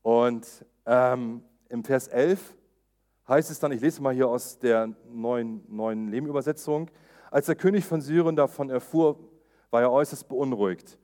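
A man preaching, retelling a Bible story in a lively way and acting out the quotes. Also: medium pitch, measured pace.

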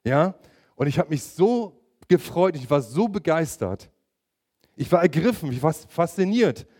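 A man's voice: on the high side, lively intonation, a little slow, mellow. A middle-aged man preaching a sermon, emphatic and asking his listeners direct questions.

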